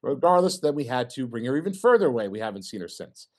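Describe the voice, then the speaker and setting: A middle-aged man gives an informal technical talk with slides. His pitch swings widely and animatedly. He jokes and throws questions to the audience. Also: fast talker. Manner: lively, joking, asks audience questions. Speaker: presenter at an engineering society meeting.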